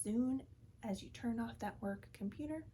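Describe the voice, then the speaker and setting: A woman in an ASMR role-play as a calm, soothing counselor, speaking softly and often in a breathy soft voice, gently reassuring in short repeated phrases. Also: on the high side, normal speed, slight background noise. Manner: calm, soothing therapist manner.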